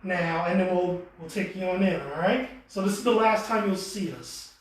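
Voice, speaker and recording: A man's voice: high-pitched, moderate pace, a little hiss or hum. A man speaking casually as a tour guide, showing visitors around. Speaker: exhibit tour guide and co-curator. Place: indoor art gallery. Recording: echoey indoor room.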